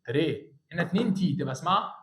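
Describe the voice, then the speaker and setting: Egyptian male tutor, fairly high voice, echoey room, slow word drills, encouraging. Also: lively intonation, a bit bright. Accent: Egyptian Arabic. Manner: drills words slowly, repeats each one, coaxes the student. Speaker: Italian language teacher. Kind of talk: online lesson for high school students.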